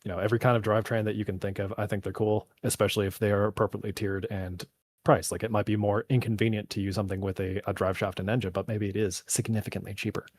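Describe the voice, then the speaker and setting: In a relaxed live developer Q&A, a male game developer answers community questions in a low, slightly mellow voice, delivered flat and fast. Three hours in, his voice is tiring as he rambles technically and thinks aloud, recorded dry on a close mic with no room sound.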